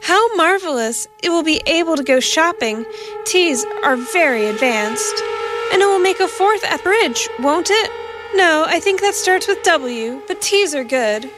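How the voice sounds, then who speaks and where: A woman putting on a gushing high-society lady. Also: expressive, measured pace, over music. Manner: airy, gushing, elegantly casual. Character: affected, boastful society lady, grown woman.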